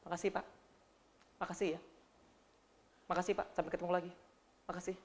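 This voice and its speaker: A man voicing a soft-spoken, overly polite male flight attendant who addresses passengers in a hushed, deferential way. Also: high-pitched, little pitch movement, brisk. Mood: courteous.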